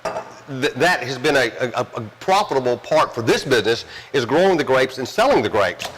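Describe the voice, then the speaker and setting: A man's voice: medium pitch, very animated, moderate pace, fairly bright tone, big-room sound, a little hiss or hum, rough recording. A man from Tennessee, a winery owner telling folksy, rambling stories in an interview. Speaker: winery owner and grape grower. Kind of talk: storytelling in an interview.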